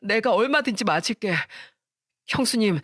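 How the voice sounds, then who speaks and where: A woman's voice: on the high side, animated, normal speed, a bit bright, no room sound, studio quality. A woman voicing a remorseful young married man who begs forgiveness from his brother in a storytelling radio drama. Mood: pleading. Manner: apologetic, pleading, then exasperated.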